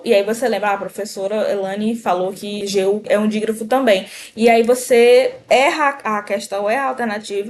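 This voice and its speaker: Slow, deliberate woman teaching grammar. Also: fairly high pitch. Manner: slow, deliberate pronunciation of example words; explanatory, addresses viewer directly. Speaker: Portuguese teacher. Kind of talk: online grammar lesson.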